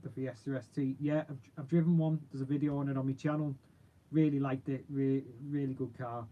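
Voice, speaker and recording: A man's voice: medium pitch, flat delivery, fairly quick, lo-fi sound. A man, chatting casually and informally as he hosts a livestream and answers viewers, rambling in a matey way. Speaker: car channel host.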